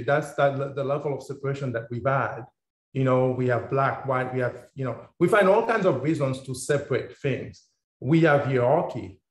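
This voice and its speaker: Reflective Haitian-born man in an echoey room. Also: mid-range voice. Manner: thoughtful, many fillers and restarts. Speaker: circle participant. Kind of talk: reflective personal sharing.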